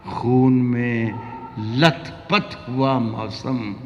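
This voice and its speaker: A man reciting romantic shayari as ghazal couplets, declaiming dramatically with drawn-out, repeated lines that swell high and loud. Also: little pitch movement. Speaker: Urdu poet reciting at a mushaira. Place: poetry gathering with audience, reverberant hall. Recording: muffled, noisy recording in a reverberant hall.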